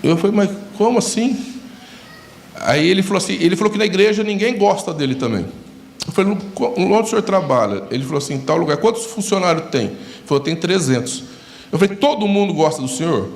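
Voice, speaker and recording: Male Brazilian pastor, sermon, gravelly lively voice, slightly high, echoey church room. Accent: Brazilian Portuguese. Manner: storytelling, acts out dialogues, addresses congregation directly.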